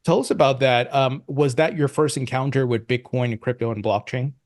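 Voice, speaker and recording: Male podcast host, mid-pitched, friendly and upbeat, dry sound, no room echo. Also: steady tone, fairly quick, darkish tone. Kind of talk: podcast interviewing and sponsor read.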